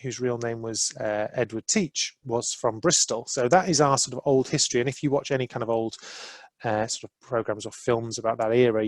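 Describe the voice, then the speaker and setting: Man presenting over a video call, mid-pitch, dry close sound, upbeat with many fillers. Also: no echo. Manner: enthusiastic, many "uh" and "um" fillers, talks over slides. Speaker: university representative. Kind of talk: promotional presentation in a webinar. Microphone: video call microphone.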